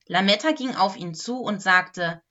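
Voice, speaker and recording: Slow, bright-voiced woman reading a storybook. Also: medium pitch, lo-fi sound. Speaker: clown storyteller.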